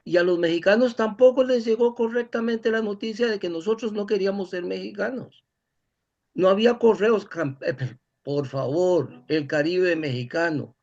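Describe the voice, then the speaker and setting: A man's voice: high voice, normal speed, a little mellow, muffled recording. A man with a Costa Rican accent in an informal discussion, explaining things emphatically. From Costa Rica.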